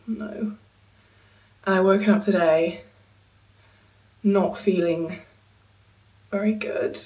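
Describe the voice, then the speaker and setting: A woman's voice: mid-range voice, darkish tone, echoey room, distant mic, poor audio. Ill young woman vlogging, out of breath. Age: young adult. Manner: chatty, frustrated and determined. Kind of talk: casual vlog chat to camera. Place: indoors at a holiday home.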